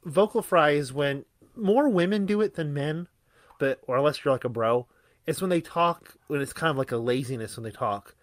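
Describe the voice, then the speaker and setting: A man's voice: fairly high pitch, moderate pace. A man co-hosting a podcast in casual chat, with a wry manner. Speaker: podcast co-host.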